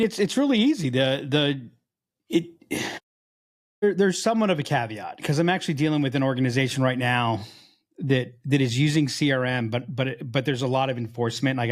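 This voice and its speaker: A man co-hosting a podcast in casual chat, blunt and joking, teasing his co-host. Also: mid-range voice.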